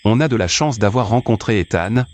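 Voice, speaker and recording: A man dubbing a gentle, shy student, speaking in a plain, hesitant way. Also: on the low side, expressive, brisk, a little hiss or hum, natural voice. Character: gentle bright male student, sick and shy. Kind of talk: French dub of a series.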